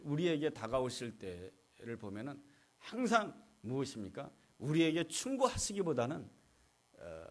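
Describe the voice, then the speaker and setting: A man preaching a sermon as pastor in a church, teaching and asking the congregation rhetorical questions. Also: a little high.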